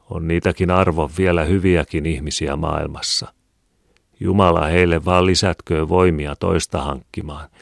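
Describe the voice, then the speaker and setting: A man's voice: low-pitched, vocal fry, no echo, studio quality. A man reading the lines of a poor, exhausted mother who speaks humbly and sorrowfully, with a pious, grateful tone. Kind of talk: audiobook character reading.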